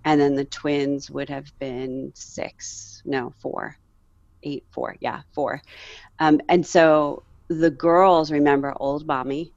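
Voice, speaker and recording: Low-voiced mother telling her story. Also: steady tone, takes it slowly, creaky, a little mellow, no room sound. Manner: earnest, emotional storytelling. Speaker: guest. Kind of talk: candid faith interview. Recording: slightly dull, dry sound.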